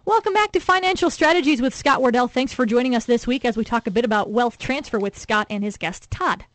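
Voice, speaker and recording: A woman co-hosting a financial radio show, giving brisk segues and questions. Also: a little high, a bit bright, no room sound. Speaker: radio co-host.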